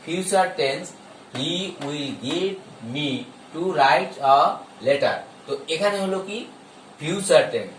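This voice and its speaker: Man teaching grammar, slow emphatic dictation. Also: a little high, expressive, far from the mic. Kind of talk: explaining a grammar lesson. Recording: echoey room, off the mic, faint hiss.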